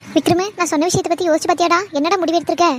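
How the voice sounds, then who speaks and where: A woman voicing a fast-talking nagging cartoon mother. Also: extremely high pitch, steady tone, soft background music. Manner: scolding, nagging, rapid-fire. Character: fussy middle-aged mother of four sons. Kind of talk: cartoon voice acting.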